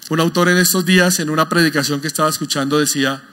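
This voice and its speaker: Brief: male pastor, high-pitched voice, emphatic sermon delivery, quizzes the congregation. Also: steady tone, quick pace, sharp tone. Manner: asks the congregation questions, emphatic.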